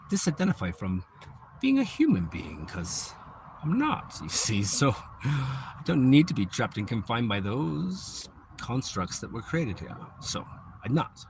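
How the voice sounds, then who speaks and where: A man's voice: fairly low pitch, a little hiss or hum. A man on a livestream, talking in a rambling, repetitive spiritual monologue that drifts into whispers now and then.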